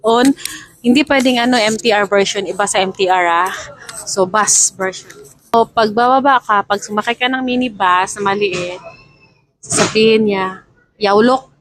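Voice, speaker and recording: A woman's voice: medium pitch, normal speed, fairly bright tone, no echo, rough recording. A woman from the Philippines chatting casually as she explains travel phrases, laughing at her own confusion and mimicking vendors' calls.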